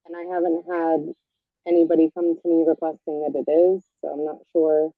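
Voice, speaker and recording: Board member on a remote call; the audio is muffled and breaking up, the voice is flat, and the sound is tinny and dry. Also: medium pitch, brisk, no echo. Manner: hesitant, with frequent "um". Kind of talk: meeting discussion.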